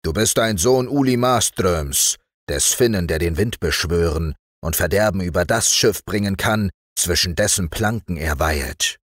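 A man's voice: low-pitched, lively intonation, measured pace, few pauses, fairly bright tone, no room sound, full character voice. Man playing a cruel ship captain, stern, sneering, dry close recording.

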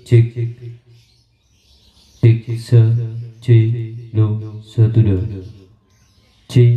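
A man calling a slow, loud mic check through a loudspeaker with a heavy echo effect. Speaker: seller testing a speaker. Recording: booming echo from a speaker, mic off at a distance.

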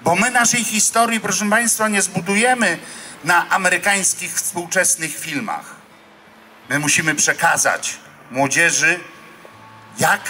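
A man in his sixties orates emphatically in a high, very sharp and forceful voice. It is a public speech outdoors with faint noise around. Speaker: local government speaker. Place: outdoor memorial ceremony. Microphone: podium microphone.

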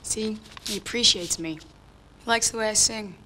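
A woman's voice: mid-range voice, moderate pace, bright, forceful tone, a little hiss or hum, natural voice. An actress playing a rebellious young woman who pushes back hard against her controlling father. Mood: defiant.

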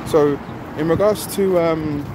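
Out on a street by a shop with traffic all around, a middle-aged man vlogs into a phone at arm's length, emphatically repeating himself and asking "you know what I mean." He speaks slowly in a voice on the high side, and the recording is full of loud street and car noise.

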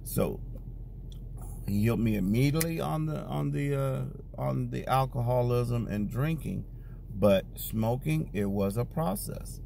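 A man's voice: medium pitch, a little slow, gravelly, slight background noise. A man preaching, telling his own testimony in a conversational, storytelling way, growing fervent at times. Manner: conversational storytelling, many restarts and "you know"; grows loud and fervent when recounting prayer. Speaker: pastor. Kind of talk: sermon testimony.

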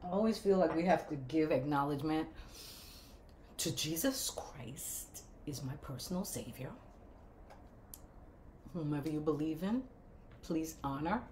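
A woman's voice: low voice, a little slow, long pauses, a little mellow, a little hiss or hum. A woman in her fifties hosting a casual livestream chat, playful and emphatic, cheering viewers on with repeated phrases. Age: 50s. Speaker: livestream show host.

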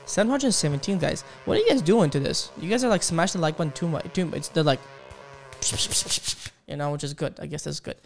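A young Ukrainian man teaches coding on a livestream from a small home studio, speaking a little fast in a creaky voice with faint music behind him. He uses a studio mic on an arm and wears headphones, chatting with viewers as he types. His manner is upbeat and exclamatory, and he keeps saying "boom" and "beautiful."

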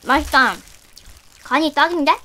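A woman's voice: high-pitched, moderate pace, bright, forceful tone, a little hiss or hum. A young woman chatting casually with a mouth full of kimbap, murmuring short reactions about the food. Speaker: mukbang vlogger. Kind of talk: casual chat while eating.

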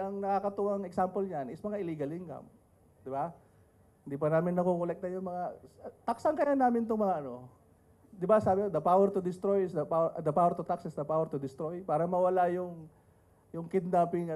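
A Filipino tax lawyer on a panel lectures an audience in a mix of Tagalog and English, his voice high with a dark tone. He drops a dry joke along with joking asides and rhetorical questions.

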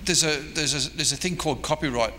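A fast-talking man with a slightly high voice, an Australian in his sixties, is a historian giving an informal, off-the-cuff convention talk with audience questions. He rambles in a hesitant, self-deprecating way. The indoor meeting room is echoey and carries background noise.

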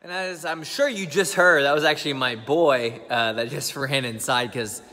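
A man's voice: medium pitch, moderate pace, bright, forceful tone. Young man, casual vlog, upbeat and chatty, phone at arm's length, big empty room with long reverb. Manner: upbeat, chatty, loose fillers. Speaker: gym owner and vlogger. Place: car, then large empty gym room. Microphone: phone held at arm's length.

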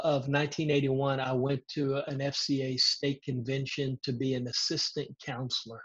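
A man around sixty, a pastor, with a faint Southern US drawl, tells his story earnestly and casually, often pausing on "uh". He talks from a living room through earbuds on a video call, and the sound is muffled and lo-fi. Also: mid-range voice. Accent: slight Southern US. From Israel. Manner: earnest storytelling, frequent "uh" fillers. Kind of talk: personal testimony, casual. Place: home living room, indoors. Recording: dull lo-fi video call audio.

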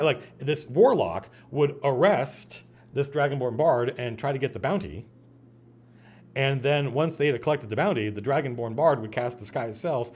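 A man hosts a casual stream about game mastering. He talks in an animated, digressive way, restarting his sentences often. His pitch swings widely, and faint music plays behind him.

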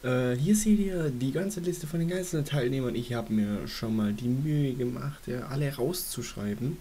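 A young man hosts casually in a medium-pitched, relaxed and mellow voice. He chats informally and thinks aloud while commenting on his screen. A light hiss sits on the homemade recording. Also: normal speed. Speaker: gaming YouTuber hosting a giveaway draw. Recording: hissy home microphone recording. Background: faint hiss.

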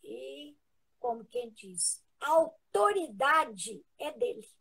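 A woman with a Brazilian Portuguese accent tells a personal story as an interview guest. Her voice is fairly high, husky and gravelly, and she speaks earnestly, halting and restarting often. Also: big pitch swings, a bit bright, poor audio.

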